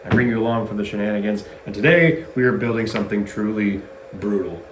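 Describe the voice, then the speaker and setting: A man's voice: on the low side, fast talker. A man hosting a casual guitar-building tutorial in his garage workshop, chatty and jokey. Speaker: guitar builder and channel host. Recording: echoey garage with faint noise.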